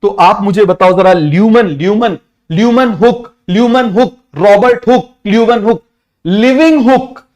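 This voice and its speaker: A man teaches biology in an online exam-prep lecture, his voice sitting high with a darkish tone and a slightly slow delivery. He drills students with repeated call-and-response questions and slips English science terms into his casual talk.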